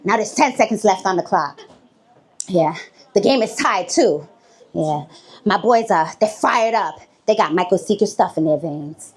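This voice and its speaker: Lively woman doing stand-up. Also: mid-range voice, measured pace. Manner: animated storytelling, laughing between lines. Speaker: stand-up comedian. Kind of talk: stand-up comedy set. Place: comedy stage before a live audience.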